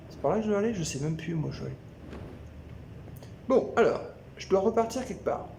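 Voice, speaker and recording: A man commenting on his video game as he plays, thinking aloud with excited exclamations. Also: high voice, fast talker, creaky, slight background noise. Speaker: gameplay video host. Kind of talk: live gameplay commentary. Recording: echoey room with game music.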